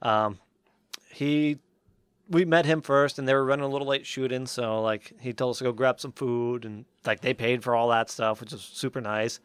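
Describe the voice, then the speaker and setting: A young man co-hosting a podcast tells a long story in a loose, rambling way, filling it with "like" and "um". His voice is smooth and resonant, and the recording is dry and close to the mic. His pitch sits in the middle for a man. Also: fairly even intonation, normal speed, a bit bright, no room sound. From Western Massachusetts. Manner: rambling, many fillers like "like" and "um". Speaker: podcast co-host. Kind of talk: casual storytelling chat.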